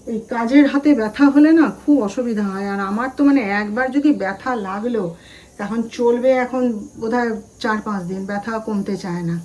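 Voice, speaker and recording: A woman's voice: on the high side, normal speed, darkish tone. Chatty woman vlogging from her kitchen. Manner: chatty, homely storytelling to viewers. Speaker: family vlogger. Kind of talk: casual home vlog chat. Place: home kitchen. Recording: slightly distant mic, faint room noise.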